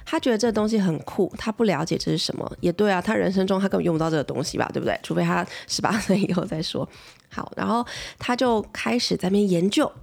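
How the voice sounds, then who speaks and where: A woman's voice: medium pitch, animated, fast, vocal fry. A woman in her thirties, a mother and pediatrician with a Taiwanese Mandarin accent, chatting casually as she tells a family story and keeps checking that listeners agree.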